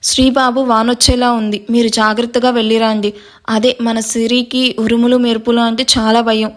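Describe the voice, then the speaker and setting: A warm-hearted mother gently fusses and gives reminders in a spoken love story, as a woman narrator puts her on. The voice is a little high and soft-spoken. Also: level tone, normal speed, natural voice. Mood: caring. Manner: gentle and fussing. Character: caring middle-aged mother.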